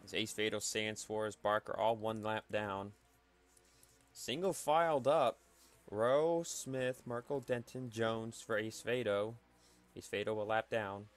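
A man giving calm, analytical play-by-play commentary for a simulated stock car race, with faint noise behind him. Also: lowish voice, a little slow. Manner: calm, analytical play-by-play that rises sharply at wrecks. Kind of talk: solo sim racing commentary.

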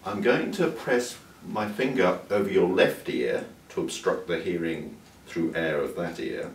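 At a measured pace, a deep-voiced older male doctor patiently walks through an exam demonstration, staying calm and explanatory despite small restarts. The clinical teaching clip comes from a clinic examination room via a far camera mic, leaving it roomy and distant with a faint hiss in the room.

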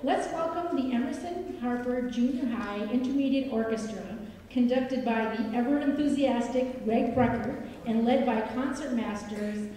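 A woman's voice: fairly high pitch, moderate pace, few pauses, mellow, a little hiss or hum. A woman emceeing a school concert, upbeat and chatty, asking the audience questions live. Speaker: master of ceremonies at a school concert. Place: large concert hall. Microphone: hall microphone heard from a distance. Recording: echoey concert hall from far off.

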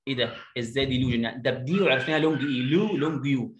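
A man with an Egyptian Arabic accent giving an online phonics lesson. He counts aloud slowly, then drills each word by repeating it. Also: medium pitch, reverberant, slight background noise. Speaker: phonics teacher.

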